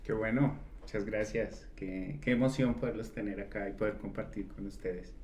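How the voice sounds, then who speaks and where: A man's voice: on the low side, steady tone, normal speed, darkish tone. A man hosting a church podcast as pastor, talking hesitantly and repeating words as he searches for them. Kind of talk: podcast conversation. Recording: echoey room with faint noise.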